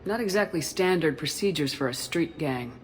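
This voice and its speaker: Composed commander in a reverberant space. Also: female voice, sits low, animated, normal speed. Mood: dry, wary. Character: composed, resolute female military commander. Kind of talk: cinematic video game acting.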